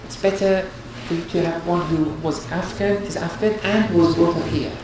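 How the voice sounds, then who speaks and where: A woman's voice: on the low side, fairly even intonation, normal speed. A woman giving an earnest religious lecture on marriage, counselling her listeners and often restarting her phrases. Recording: very echoey hall with noise.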